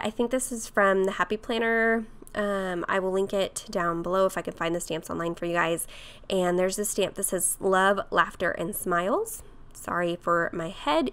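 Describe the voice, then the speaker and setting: A woman whose voice is hoarse from a cold talks through her craft project in a relaxed, chatty voice-over. Her pitch sits in a middle range, and she scatters fillers and small laughs as she explains each step. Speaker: craft vlogger. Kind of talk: casual voice-over tutorial.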